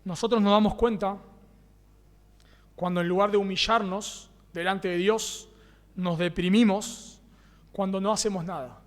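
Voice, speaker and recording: High-voiced Rioplatense pastor in reverberant hall. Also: male voice, fairly even intonation, unhurried, long pauses. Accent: Rioplatense Spanish. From Argentina. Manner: earnest, repeats key phrases for emphasis; asks the congregation rhetorical questions. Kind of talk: sermon. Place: church.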